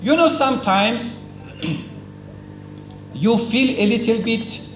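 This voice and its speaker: This man's voice sits high as he delivers a formal lecture-style speech at a cultural celebration, using simple non-native English. He asks questions only to answer them himself and repeats things emphatically, all in an echoey hall with faint background noise.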